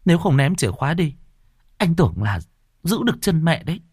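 A man's voice: sing-song, a little fast, a little mellow, slightly rough, no room sound, clean studio sound, full character voice. A man voicing a frightened adult daughter, pleading and stammering. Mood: indignant. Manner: pleading, stammering, shrill when scared.

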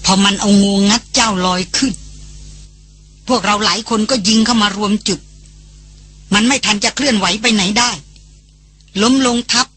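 A woman narrating an adventure novel as an audiobook in a steady storytelling delivery. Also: medium pitch, normal speed, long pauses, soft background music.

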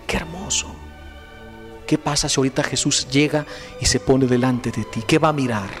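A man's voice: mid-range voice, fairly even intonation, fairly quick. A man preaching a fervent retreat sermon with rising, emphatic exclamations. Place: retreat hall. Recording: echoey hall with faint music.

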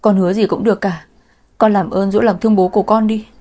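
A woman's voice: mid-range voice, fairly even intonation, fairly quick, a little mellow, close to an everyday voice. A woman voicing a middle-aged stepmother who begs in a choked voice, in a storybook reading. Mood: pleading. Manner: begging, choked. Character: middle-aged scheming stepmother, pleading and tearful.

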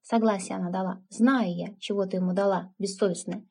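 Woman reading a blunt older village aunt, scolding, folksy, mellow husky voice, audiobook. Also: mid-range voice, fairly even intonation, a little fast.

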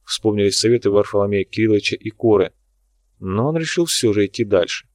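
A man's voice: fairly low pitch, expressive, brisk, a little mellow, dry recording. Man reading an audiobook in a dry room. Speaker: narrator. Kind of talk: audiobook narration.

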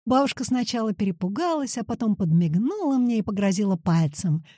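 Female audiobook narrator, animated storyteller, husky timbre, dry close mic. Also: mid-range voice, a little fast, no room sound.

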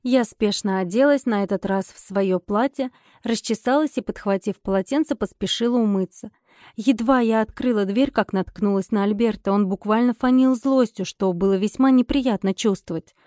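A woman narrating a first-person audiobook expressively, her dialogue flaring into sharp irritation. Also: mid-range voice, normal speed, dry recording, studio quality.

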